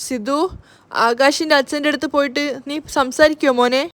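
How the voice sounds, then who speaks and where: A woman's voice: sits high, steady tone, a bit bright, no echo. Woman voicing a grieving, anguished mother. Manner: slow, anguished scolding. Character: grieving middle-aged mother.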